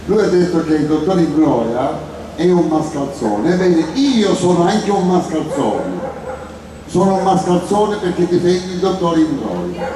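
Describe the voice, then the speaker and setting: A man in his sixties with a Sicilian accent and a hoarse, raspy voice gives an emphatic, impassioned speech, repeating phrases for stress. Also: on the high side, sing-song, a little slow. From Sicily, Italy. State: hoarse voice from days of travelling. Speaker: speaker at a public rally. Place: outdoor stage in a town square at night. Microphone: handheld mic through PA, recorded by far camera. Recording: echoing outdoor square PA, distant, noisy crowd.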